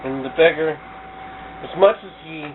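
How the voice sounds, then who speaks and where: A man narrating his turn in a storytelling card game, playful and lively. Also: a little high, slow pace, a crowd in the background. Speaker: player narrating. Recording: tinny lo-fi home recording with noise.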